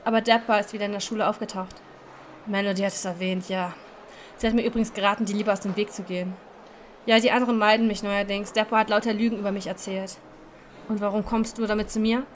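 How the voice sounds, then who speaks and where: A woman's voice: a little high, a little hiss or hum. Playful woman reading a game aloud. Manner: playful, laughing at her own slips. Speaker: let's-play host. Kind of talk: reading a dating game aloud, voicing every character.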